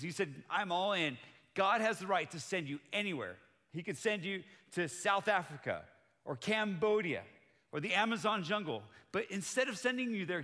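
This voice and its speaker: A man preaching a sermon as pastor, earnest and building to excited emphasis, who grew up in Colombia. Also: high-pitched, long reverb tail.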